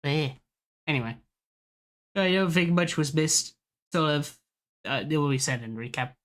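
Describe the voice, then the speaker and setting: A man's voice: on the high side, moderate pace, fairly bright tone. A man running a tabletop game on stream, laid-back and rambling, laughing often. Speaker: game master. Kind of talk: casual stream chat.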